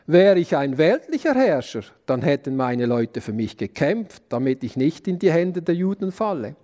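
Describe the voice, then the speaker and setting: A man reading the replies of a calm, dignified prophet in a Bible story, low and soft. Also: normal speed. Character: calm, dignified man claiming a heavenly kingdom.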